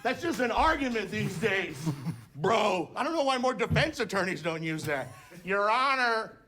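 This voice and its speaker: A male stand-up comedian with a high, bright voice tells stories of his own misadventures. He is animated and breaks into loud, shouted character voices for the punchlines. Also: moderate pace. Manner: animated, bursts into shouted impressions. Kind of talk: stand-up storytelling.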